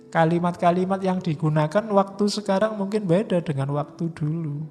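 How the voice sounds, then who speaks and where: A man with a Javanese accent giving a relaxed, conversational philosophy lecture, slowing down for emphasis. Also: fairly high pitch, gravelly. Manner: relaxed, conversational, with mock quotes and slow emphasis. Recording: hall reverb with faint music.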